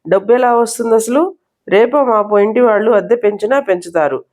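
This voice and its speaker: A woman's voice: fairly high pitch, a little fast, darkish tone, natural voice. Lady reading as a grumpy blunt young guy, storybook voice, impatient. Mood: irritated. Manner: grumbling, impatient. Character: irritated young man, blunt and practical.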